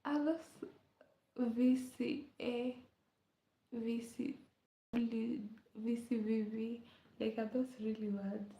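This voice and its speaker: Speaking slowly with long pauses, a young Kenyan livestreamer has a warm, slightly high voice and fairly even intonation. She's chatty, keeps slipping into whispers and hums bits of songs, all in an echoey room.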